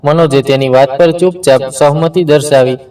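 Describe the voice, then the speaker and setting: A man narrating an emotional story in a steady, earnest way. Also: fairly high pitch, moderate pace, distant mic, poor audio.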